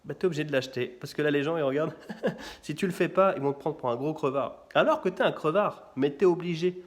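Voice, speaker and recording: A young man with a slightly high voice delivers a comic monologue. He rants in slang, with animated, exasperated energy. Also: fast talker. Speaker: comedian. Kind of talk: stand-up style comic monologue.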